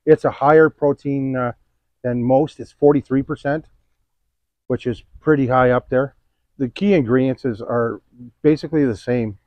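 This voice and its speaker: An older man with a cold-roughened voice gives a casual, halting review of fish food for his pond, with his voice breaking upward now and then. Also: mid-range voice, no echo. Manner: halting, pauses mid-sentence to find words. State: hoarse from a cold, voice cracking upward. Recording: dull lo-fi, dry sound.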